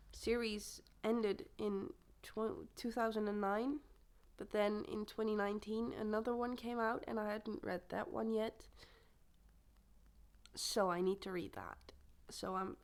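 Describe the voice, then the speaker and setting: A young booktuber chats casually to camera about her reading plans, rambling and correcting herself along the way. Her medium-pitched voice is a little croaky after a recent illness.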